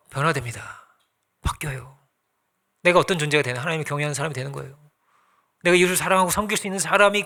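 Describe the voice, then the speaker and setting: A man's voice: sits high, bright, forceful tone. A man pastor preaching a sermon in a conversational way, asking the congregation questions and acting out little quoted exchanges.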